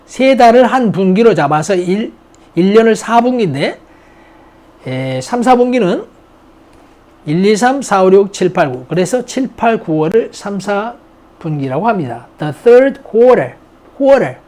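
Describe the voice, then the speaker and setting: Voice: mid-range voice, lively intonation, darkish tone. A grammar teacher giving a vocabulary and grammar lecture, repeating words and asking and answering their own questions. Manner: mixes English words into slow explanations.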